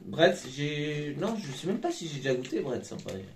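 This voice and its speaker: A man's voice: on the high side, sing-song, moderate pace. A man, chatting casually as he munches crunchy chips. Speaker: vlog co-host tasting snacks. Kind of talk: casual chat. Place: small hotel room, indoors. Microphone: phone camera a couple of metres away. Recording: echoey room, noisy phone recording.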